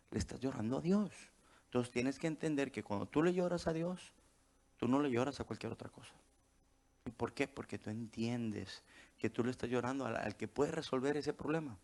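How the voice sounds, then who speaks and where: A man preaching a sermon as pastor, tossing out rhetorical questions and checking in with the congregation as he goes. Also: mid-range voice.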